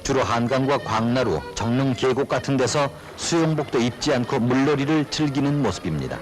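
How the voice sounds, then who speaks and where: A man's voice: mid-range voice, expressive, brisk. A man reading scripted narration for a newsreel retrospective. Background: music.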